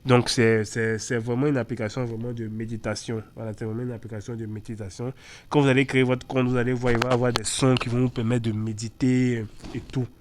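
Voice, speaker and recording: A man's voice: mid-range voice, little pitch movement, brisk, background noise. A man hosting a tech channel, walking through phone apps on screen in a chatty way, full of fillers and repeated words. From Ivory Coast. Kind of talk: screen-recorded app walkthrough.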